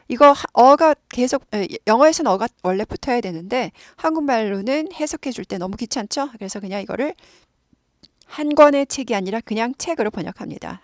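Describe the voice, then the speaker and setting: A woman's voice: fairly high pitch, no echo, clean studio sound. A woman teaching an English lesson, explaining patiently and repeating words many times for learners to copy.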